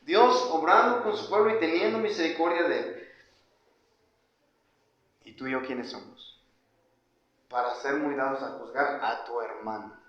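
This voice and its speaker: A man's voice: mid-range voice, unhurried, pauses often. Man preaching in an echoey church. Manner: conversational preaching, addresses listeners as brothers, swings from loud to soft. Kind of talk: sermon. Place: church hall. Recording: echoey church, dull lo-fi sound.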